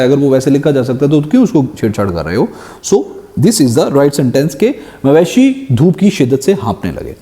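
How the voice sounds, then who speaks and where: A young man teaching an exam-prep grammar lesson, reading sentences slowly and explaining each correction, with English phrases mixed in. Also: a little high, dark tone. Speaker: Urdu teacher.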